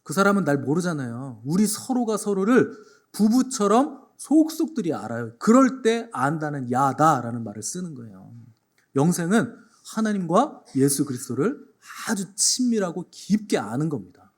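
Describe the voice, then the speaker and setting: A man's voice: a little high, sing-song, moderate pace. A man preaching a Sunday sermon to his congregation in a church. He repeats key phrases for emphasis and tells jokes. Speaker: pastor.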